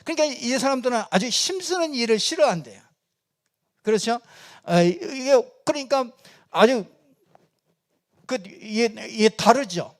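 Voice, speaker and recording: A male pastor gives a loose, conversational sermon from the pulpit. His voice sits high for a man, and he talks in an animated, rambling way, full of fillers and with frequent small chuckles. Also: measured pace, pauses often. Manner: chatty and animated, many fillers, chuckles often. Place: church pulpit.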